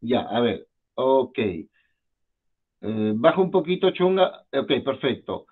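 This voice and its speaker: A man's voice: mid-range voice, sing-song, slow pace, husky. A man with a Peruvian Spanish accent teaching an online French class, patiently repeating words and asking students questions over a video call. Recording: phone-like video call audio.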